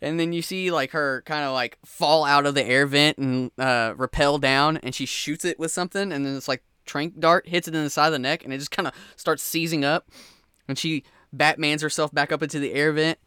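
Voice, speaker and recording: A man's voice: on the high side, steady tone, a little fast, pushed and bright, smooth, dry recording, clean studio sound. A man running a tabletop game as game master, narrating in a loose, giggly way with casual swearing and plenty of filler words.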